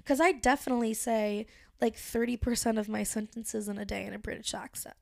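Creaky-voiced young woman, chatty. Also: fairly high pitch, steady tone, brisk, no echo. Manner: chatty, swearing, playful. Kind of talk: casual chat.

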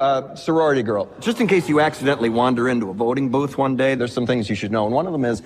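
An actor playing an indignant news anchor, delivering a biting, sarcastic rant. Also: male voice, medium pitch, normal speed, natural voice. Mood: scornful. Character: indignant male news anchor giving a tirade. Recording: TV show clip with long reverb, faint background hum.

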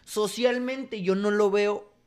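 A man's voice: high voice, fairly even intonation, slow, a crowd in the background. Slangy Mexican man chatting soccer. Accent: Mexican Spanish. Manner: loose slangy talk, ends phrases with filler. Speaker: podcast co-host. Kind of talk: casual chat about soccer.

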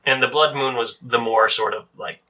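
Bright-voiced man playing a tabletop game. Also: mid-range voice, fairly even intonation, moderate pace, rough recording. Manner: loose, hesitant, thinking aloud. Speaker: player. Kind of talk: casual tabletop play.

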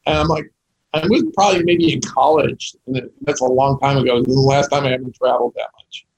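A middle-aged or older man chatting casually as an interview guest, with a gravelly, raspy voice. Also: mid-range voice, steady tone, quick pace, low-quality recording. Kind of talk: casual chat.

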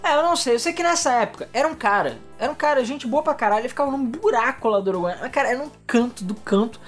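A woman's voice: on the high side, very fast, faint music behind. A young adult woman with a Rio de Janeiro accent, co-hosting a casual podcast and telling stories animatedly, acting out both sides of a conversation. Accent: Rio de Janeiro Portuguese. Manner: animated storytelling, acts out quoted exchanges. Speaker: podcast co-host.

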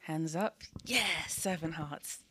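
A woman with a slightly low voice and a south London accent. She talks in a chatty, informal way, as if co-presenting to a group. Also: slow pace, a bit bright, husky. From south London, England. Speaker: church team member co-presenting a talk.

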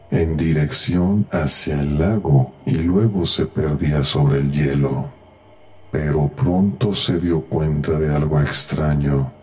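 A man reading a horror tale aloud in a slow, grave storytelling manner. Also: extremely low pitch, a little mellow, husky. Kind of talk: scripted horror narration. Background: faint eerie background music.

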